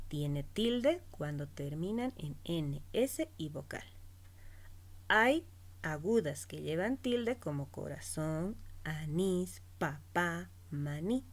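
Slow, lilting woman teacher. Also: fairly low pitch. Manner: slow, stretched-out teaching voice, pronouncing words syllable by syllable. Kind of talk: spelling lesson for children.

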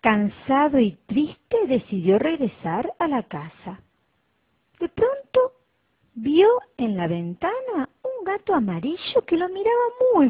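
Slow, animated woman storyteller. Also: high voice, slightly rough, no room sound. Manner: slow, lively and expressive. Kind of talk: children's story reading. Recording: tinny phone-like dry recording.

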